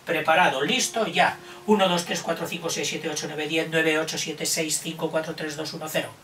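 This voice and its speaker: An older man teaches a children's counting lesson, playfully racing the listener through number sequences. His voice is bright and fairly high. It sounds recorded from a distance in an echoey room. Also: steady tone, normal speed, slight background noise.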